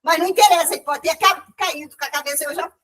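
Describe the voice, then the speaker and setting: A woman's voice: high-pitched, quick pace, fairly bright tone. A woman with a Brazilian accent gives an emotional testimony at a church meeting, often quoting herself and restarting her sentences. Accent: Brazilian Portuguese. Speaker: church group member giving a testimony. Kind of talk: animated storytelling testimony. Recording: voice from far off the mic.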